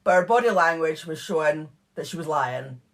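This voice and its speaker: Here a low-voiced woman with lively intonation co-hosts a true crime podcast at a moderate pace. She recounts the case casually, her chatty retelling heavy with fillers and digressions.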